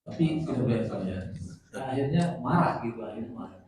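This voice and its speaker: A man's voice: medium pitch, animated, moderate pace, a crowd in the background. A man in the congregation, polite and a bit hesitant, asking the preacher questions. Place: prayer room. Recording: distant, roomy, with background noise.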